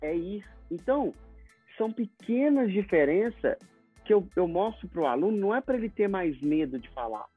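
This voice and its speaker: A man's voice: high voice, lively intonation, moderate pace, breathy edge, no room sound, soft background music. A Brazilian man teaching English pronunciation in an interview, explaining with acted-out example dialogues. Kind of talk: casual interview talk. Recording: tinny phone-like sound.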